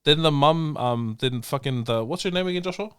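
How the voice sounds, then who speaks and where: A man's voice: a little high, lively intonation, a little fast, fairly bright tone, smooth, dry recording. Rambling male podcast host, dry mic. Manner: rambling, swearing, acts out scenes. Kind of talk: casual podcast chat.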